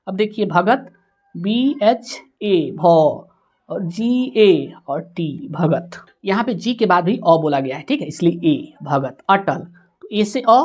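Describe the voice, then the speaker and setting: A woman teaching a spelling lesson, slowly sounding out words letter by letter. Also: on the low side, a little mellow.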